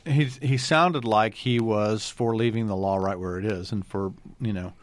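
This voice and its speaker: A low-voiced man talks politics on a podcast. He lays out his points casually, with dry humor, and his voice drops at the ends of phrases. The sound is close and dry. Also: moderate pace, dry recording. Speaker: podcast panelist.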